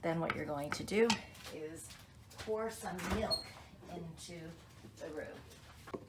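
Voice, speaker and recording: A woman giving a casual cooking demonstration in her home kitchen, explaining each step in an unhurried way with plenty of fillers. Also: low-pitched, very noisy. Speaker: home cook demonstrating a recipe.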